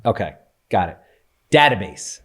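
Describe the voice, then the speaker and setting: A man's voice: fairly low pitch, very animated, moderate pace, fairly bright tone, breathy edge, soft background music. A man who hosts a podcast and invests in real estate. He talks casually and animatedly, swearing now and then and acting out what others said.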